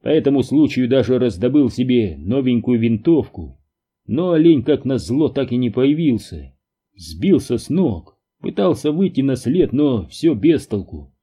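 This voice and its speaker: A man's voice: medium pitch, very animated, measured pace, mellow, breathy edge. Man doing a rude stout red-bearded older man. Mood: gruff, calmer. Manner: rude, mocking.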